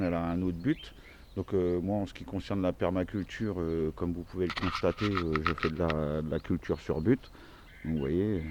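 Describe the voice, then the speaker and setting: A man in his forties with a low, mellow voice and a regional French accent, talking casually outdoors and rambling from one thought to the next. The faint noise of the open air sits behind him on a phone recording. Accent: central French regional. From France. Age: 40s. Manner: rambling, many fillers and restarts. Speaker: gardening YouTuber. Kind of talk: casual self-introduction video. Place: outdoors in a small vegetable garden.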